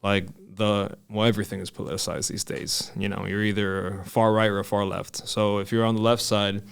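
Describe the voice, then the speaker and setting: A man's voice: lowish voice, flat delivery, normal speed, gravelly, clear, resonant tone. A man in his early thirties hosting a podcast, talking in a loose, rambling, casual way with plenty of swearing and filler. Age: 30s. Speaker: podcast host. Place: Miami.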